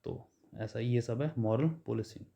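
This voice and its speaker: A man's voice: mid-range voice, moderate pace, gravelly, mellow. Man teaching vocabulary in Hindi. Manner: explains each word with everyday examples, often says "ठीक है". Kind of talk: Hindi-English exam vocabulary lesson.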